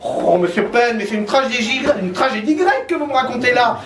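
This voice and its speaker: A male comedian performs on stage as a pompous TV doctor, his extremely high-pitched voice very animated and a little fast, with theatrical asides sprinkled through the stand-up sketch. An echoey hall and a laughing live audience make the background noisy.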